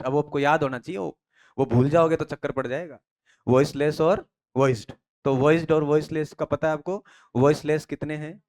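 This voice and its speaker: Man from India, English teacher, smooth clear voice, drilling questions and answers. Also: on the high side, a little mellow. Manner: asks students questions and answers them himself; repeats key phrases in a drilling way. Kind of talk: classroom lecture on pronunciation.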